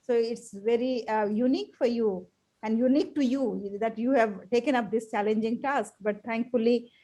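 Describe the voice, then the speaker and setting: A woman's voice: fairly high pitch, moderate pace, mellow. A woman hosting a show, welcoming her guest in a formal, ceremonious manner. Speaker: host.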